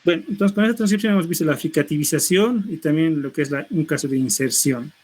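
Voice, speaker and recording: A man's voice: fairly high pitch, fast, a little mellow, breathy edge, rough recording. A middle-aged man teaching a university seminar, explaining step by step and tagging his phrases with a questioning "no?". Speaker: linguistics lecturer.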